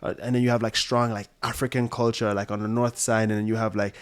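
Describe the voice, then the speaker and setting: Here the sommelier guest, a man from Brooklyn, New York and Jamaica new to the show, sounds low, smooth, and quick, with little movement in pitch. In relaxed interview conversation he spins loose, profane stories full of restarts.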